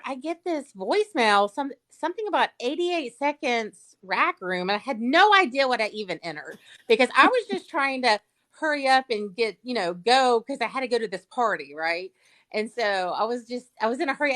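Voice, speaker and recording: A woman's voice: high-pitched, big pitch swings, fairly quick, fairly bright tone. A woman with a Southern US accent, telling a chatty story as a guest on a livestream. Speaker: paralegal and sweepstakes guest. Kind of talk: casual storytelling chat. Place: livestream video call.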